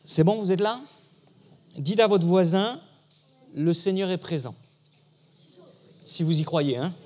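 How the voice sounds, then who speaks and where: A man's voice: high-pitched, slow pace, a little mellow. A man preaching a sermon in a church, earnest and telling a story to the congregation.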